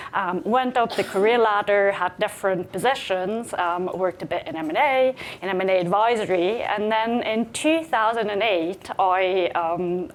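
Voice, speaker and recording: A woman's voice: medium pitch, slight background noise. A woman in her forties from Switzerland, speaking to a live audience about founding her company, chatty, with many fillers and restarts. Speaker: startup founder giving a talk. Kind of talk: conference talk. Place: conference venue.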